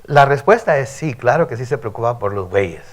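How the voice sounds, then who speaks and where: A man's voice: medium pitch, animated, brisk. A male pastor giving a midweek sermon, reading scripture aloud and explaining it in a conversational way, often checking in with the congregation. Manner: conversational, frequent "¿verdad?" tags, reads scripture aloud and explains. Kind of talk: midweek sermon, Bible teaching.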